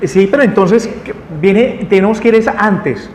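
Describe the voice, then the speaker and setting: A man teaching a spiritual lesson to a group, animated, often asking the audience questions. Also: sits high, normal speed. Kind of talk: lecture to a group. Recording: echoey room with long reverb, faint noise.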